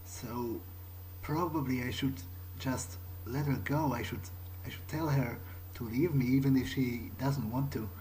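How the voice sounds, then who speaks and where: Staying in character for a video game, a let's player voices a brooding young vampire wracked with guilt, speaking in a hesitant, repetitive improvised monologue. His mid-range, darkish voice is unhurried with few pauses. The rough recording carries slight background noise beneath the game ambience.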